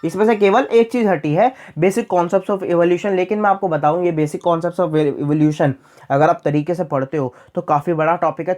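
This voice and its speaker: A man's voice: fairly high pitch, darkish tone. A young man in a casual explainer talking to students about their course, chatty and repeating the key points. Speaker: teacher explaining syllabus changes.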